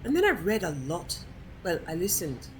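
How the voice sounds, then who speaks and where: A woman's voice: on the low side, big pitch swings, normal speed, low-quality recording. An American woman from New Jersey giving chatty, salty-tongued casual commentary over a game playthrough. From New Jersey, United States. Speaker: gamer recording a playthrough. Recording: game ambience and noise behind.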